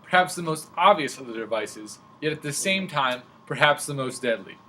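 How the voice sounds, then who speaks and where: Bright-voiced man, parody news anchor. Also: on the high side, expressive, moderate pace, low-quality recording. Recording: faint background noise.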